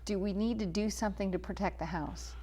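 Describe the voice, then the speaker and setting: A woman's voice: mid-range voice, steady tone, fairly quick, dark tone. A woman hosting an infomercial interview in a conversational, plain-spoken way, prompting a guest with questions. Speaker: interviewer, host.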